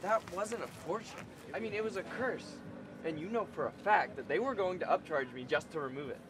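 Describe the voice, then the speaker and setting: A man playing an animated, indignant carnival-goer in a comedy sketch. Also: sits high, brisk. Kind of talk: amateur comedy sketch acting. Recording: music behind the voice. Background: music.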